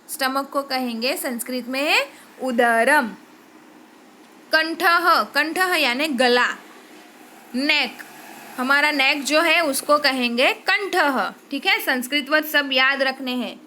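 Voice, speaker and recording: A woman's voice: high-pitched, sharp tone. A woman teacher with an Indian Hindi accent giving a patient classroom lesson, repeating each word and checking in with her students.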